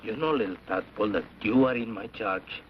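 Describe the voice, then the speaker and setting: An actor playing a colourful, exasperated uncle in a vintage television western. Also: male voice, on the low side, brisk, natural voice. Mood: coaxing. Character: colourful Mexican uncle and protector, El Toro, theatrically exasperated. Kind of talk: 1950s TV western acting. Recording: muffled, noisy vintage TV soundtrack.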